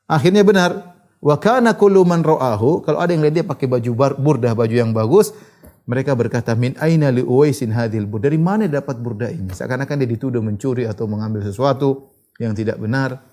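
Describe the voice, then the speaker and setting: A man's voice: medium pitch, brisk, warm tone. A man giving a storytelling religious lesson. He reads Arabic narrations, retells them in casual speech and acts out the characters' lines. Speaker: religious teacher.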